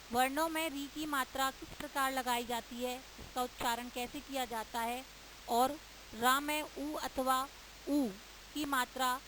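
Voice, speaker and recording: A woman teacher giving a recorded lesson to young children, speaking slowly and stressing each vowel sign with care. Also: high-pitched, fairly bright tone, slight background noise, rough recording. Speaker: schoolteacher.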